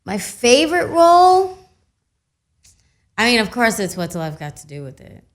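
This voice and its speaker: A young woman, an actress guest, chatting casually in a radio studio and telling animated stories with laughter. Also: fairly high pitch, unhurried. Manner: animated storytelling, laughing, loud when excited. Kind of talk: casual radio interview chat.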